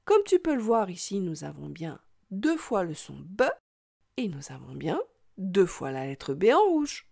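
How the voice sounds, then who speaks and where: Patient woman teacher, slow and sing-song, reading lesson for small children. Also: on the low side, sing-song, gravelly, darkish tone.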